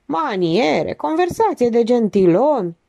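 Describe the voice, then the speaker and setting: A woman's voice: a little high, very animated, creaky, dark tone, no echo, lo-fi sound, voice pushed up, heavily acted. A woman doing a sneering, theatrical man. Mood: mocking. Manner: sneering, mock-polite, drawling. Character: mocking, theatrical man, cynical and smug.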